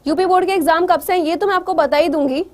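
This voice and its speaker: A woman teacher with a high voice gives an exam preparation lecture. She coaxes her students and keeps checking that they understand. She slips English words into her explanations. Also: fast talker, darkish tone.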